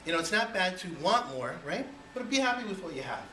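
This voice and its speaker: Heard from far off in a noisy, echoey room, a Cuban-born man gives a personal icebreaker speech to an audience. He talks fast in a high, bright, forceful voice with big pitch swings, keeping it conversational with lots of you-knows and rhetorical questions.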